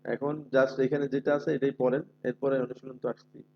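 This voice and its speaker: A man's voice: medium pitch, little pitch movement, a little fast. A man leads an online recitation class, patiently drawing out each letter sound and repeating it for the students. His voice comes through slightly muffled, with a faint hum underneath. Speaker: Quran recitation teacher.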